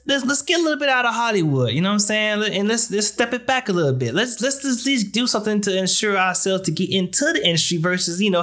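High, bright-voiced man chatting casually. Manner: informal slangy talk, often addressing listener with "you know". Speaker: online show host. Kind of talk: casual chatty advice to viewers.

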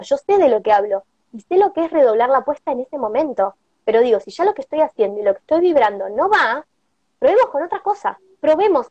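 A woman's voice: a little high, a little mellow, no echo. A middle-aged woman with an Argentine Rioplatense accent giving an earnest motivational talk, sprinkling in personal stories and tag questions. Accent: Argentine Rioplatense Spanish. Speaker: prosperity workshop guest speaker. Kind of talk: motivational talk on a live stream. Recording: dull lo-fi stream audio.

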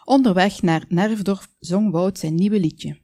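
A woman calmly reading a children's story aloud, with small slips now and then. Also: mid-range voice, measured pace, no echo, studio quality. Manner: calm, with small slips and asides.

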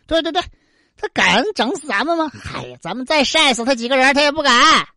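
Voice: high-pitched, expressive, fairly quick, pushed and bright, no room sound, clean studio sound, voice pushed up, heavily acted. Storyteller putting on jeering cocky sun brothers. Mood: gloating. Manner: jeering, boastful. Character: cocky arrogant sun brothers, young male gods.

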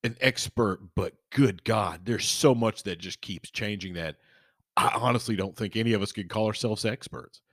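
A man hosting a podcast solo in casual, rambling, chummy talk, swinging between emphatic bursts and quiet trailing-off. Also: lowish voice, moderate pace, no room sound, clean studio sound. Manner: rambling, informal, chummy address to listeners. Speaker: podcast host.

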